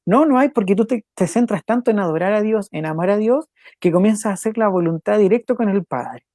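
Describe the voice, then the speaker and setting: A young man with a high, animated, mellow voice hosts a devotional program, speaking earnestly and conversationally. He often repeats his points and phrases, makes quick asides, and laughs now and then during casual devotional talk and spoken prayer. He's recorded close and dry, with no echo or room sound.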